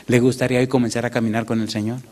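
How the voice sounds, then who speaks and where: Spanish-speaking pastor telling a lively sermon story. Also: male voice, medium pitch, racing. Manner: animated, acts out the voices in his story. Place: church.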